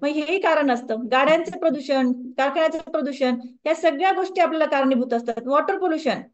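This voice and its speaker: A high-pitched woman teaches a wellness class and turns often to the group with questions. The recording sounds dull and lo-fi. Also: a little fast. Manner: conversational, asks the audience questions. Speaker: wellness coach. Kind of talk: lecture to a group.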